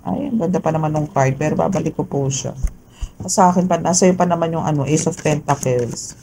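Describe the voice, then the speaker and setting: Low-voiced woman reading tarot. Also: brisk, low-quality recording. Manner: chatty, mixing Tagalog and English, frequent tag questions. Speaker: tarot reader. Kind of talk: casual tarot reading to a viewer. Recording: steady background noise.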